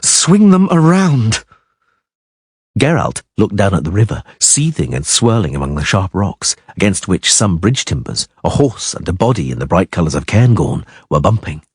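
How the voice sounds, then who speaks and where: Husky, low male narrator for dramatic fantasy audiobook; dry close voice-over. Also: sing-song, moderate pace, hardly any pauses, no room sound. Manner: emphatic, swelling on action words.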